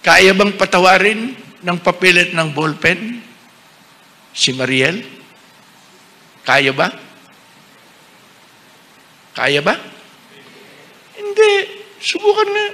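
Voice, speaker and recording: A man preaching as a bishop. He asks the congregation rhetorical questions in an animated way. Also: sits high, slow pace, pauses often. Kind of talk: sermon. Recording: echoey hall, faint noise.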